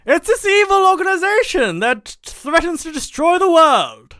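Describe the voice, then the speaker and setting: Man putting on a pompous high spy villain. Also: very animated, sharp tone, no room sound, clean studio sound, full character voice. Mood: menacing. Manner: slow, drawn-out and pompous. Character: posh theatrical male spy-movie villain.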